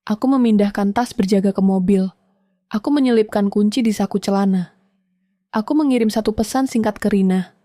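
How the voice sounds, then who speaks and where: A woman telling a first-person domestic drama in a calm, measured way, in short, clipped sentences. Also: medium pitch, no room sound, studio quality. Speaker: storyteller.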